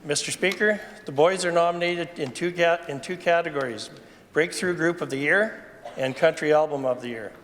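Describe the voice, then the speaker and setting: A Canadian legislator, a man with a fairly high voice, reads a formal statement and trips over words now and then. The chamber around him has long reverb. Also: normal speed, fairly bright tone. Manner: stumbles over his reading. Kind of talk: formal prepared parliamentary statement. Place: large indoor legislative chamber. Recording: reverberant chamber with faint noise.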